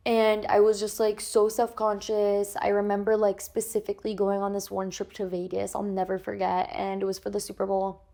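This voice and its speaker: A woman's voice: mid-range voice, flat delivery, normal speed, creaky, warm tone. Young woman spilling a personal story, says like every other word, curses casually. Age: young adult. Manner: chatty, says "like" constantly, swears casually. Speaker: podcast guest.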